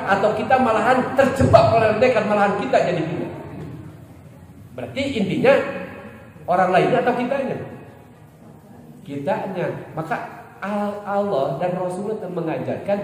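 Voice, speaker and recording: A man's voice: high-pitched, lively intonation, normal speed. A man with a Sundanese accent preaching a mosque Quran study, chatting and bantering with the congregation. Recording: echoey mosque hall, faint hiss.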